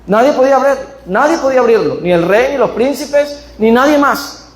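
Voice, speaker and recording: A man's voice: very high-pitched, expressive, brisk. A man preaching a sermon in a church, emphatic, asking rhetorical questions and reading scripture aloud. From Panama. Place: church hall. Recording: echoey church room.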